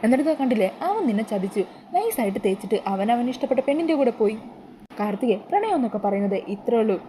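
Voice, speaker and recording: A woman's voice: a little high, very animated, fast talker, warm tone, slight background noise, poor audio. A woman voicing a scheming, blunt female friend who lectures and pushes. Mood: lecturing.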